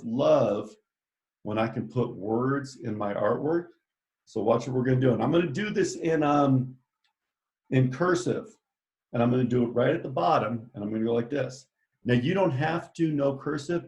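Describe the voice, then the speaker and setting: A man's voice: mid-range voice, a little mellow. Chatty, enthusiastic male art teacher. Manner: enthusiastic, chatty, directs students step by step. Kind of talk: art lesson for children. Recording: echoey room.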